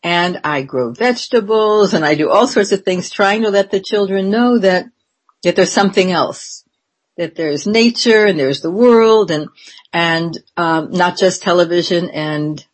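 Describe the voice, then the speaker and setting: A woman in her seventies with a lowish voice reflects on her life during an interview. She wanders through her thoughts at an unhurried pace, often saying um and starting over.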